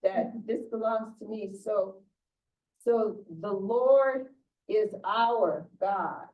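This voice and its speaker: A woman's voice: mid-range voice, drawn-out words. An older woman pastor giving an informal, conversational sermon, often restarting and repeating words. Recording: distant muffled church recording.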